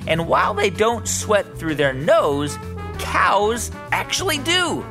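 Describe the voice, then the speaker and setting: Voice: medium pitch, wildly swooping pitch, slow, gravelly, over music, heavily acted. A performer playing an earnest, easily startled co-host in a scripted children's comedy podcast, with an exaggerated announcer delivery. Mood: showy, upbeat. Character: earnest, easily startled game show host, comic straight man. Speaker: co-host of a children's science game show podcast.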